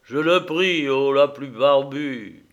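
A man's voice: medium pitch, slow pace, highs cut off, natural voice. Man doing a scornful taunting Greek hero. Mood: mocking. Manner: taunting, declamatory shouting.

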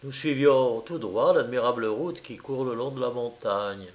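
A man reading a literary story aloud in a measured, expressive way. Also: mid-range voice, poor audio. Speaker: audiobook reader. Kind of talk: literary narration.

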